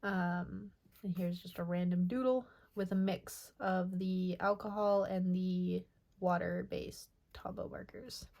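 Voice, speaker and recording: A young woman casually narrating over her sketchbook pages, soft and rambling with many pauses and filler words. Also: on the low side, steady tone, vocal fry. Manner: soft, rambling, many ums and self-corrections. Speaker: artist showing her sketchbook.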